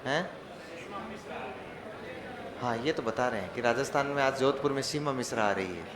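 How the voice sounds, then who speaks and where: A man's voice: mid-range voice, normal speed, crowd noise. A male teacher, giving an online exam-prep class. He asks his own questions and answers them, with joking, mock-dramatic asides. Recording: echoey room with faint ambient noise.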